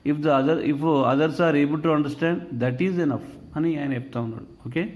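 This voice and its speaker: A man teaching a lesson on an English text, explaining in another language mixed with English words and reading English quotations slowly. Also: on the high side, darkish tone, highs cut off.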